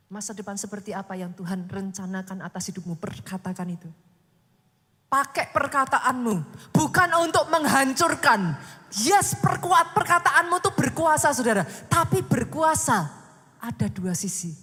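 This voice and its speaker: A woman pastor, preaching a dramatic sermon that swings from loud to whispered. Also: mid-range voice. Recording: long hall reverb.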